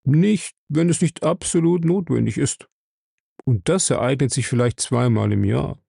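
A man reading aloud and voicing a calm, stout, middle-aged office manager who speaks in a measured, confiding way. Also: mid-range voice, creaky, husky, dry recording, clean studio sound.

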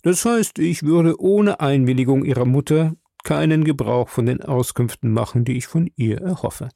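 A man voicing a shrewd, suave investigator who talks in a measured, diplomatic way. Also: mid-range voice, creaky, dark tone, dry recording, clean studio sound, natural voice.

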